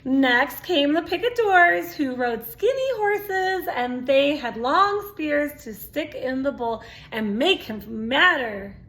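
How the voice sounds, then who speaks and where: Reading a picture book to young children, a woman speaks in a high, fairly bright voice with lively intonation, taking it slowly yet hardly pausing. She is an expressive storytime reader who tosses in exclamations, asides and questions to her audience.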